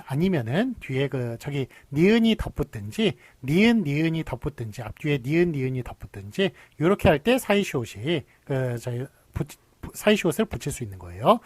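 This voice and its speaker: A man's voice: a little high, no echo. A man giving a recorded university lecture, explaining step by step, asking rhetorical questions and using many fillers.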